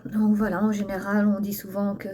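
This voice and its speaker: A woman's voice: mid-range voice, flat delivery, fairly quick, mellow. A woman with a lisp that makes her s slushy, chatting hesitantly as she thinks aloud through a craft tutorial, recorded on a phone. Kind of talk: casual unscripted tutorial chat. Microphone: phone used for filming. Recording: phone recording with faint background noise.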